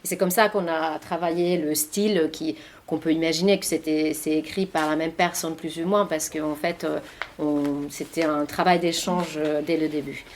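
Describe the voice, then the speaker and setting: Answering questions at a library talk, a Finnish-accented woman in her forties speaks French as a second language, full of fillers and restarts. She is an author and journalist, and her low voice keeps a steady tone at normal speed. The library meeting room adds slight background noise.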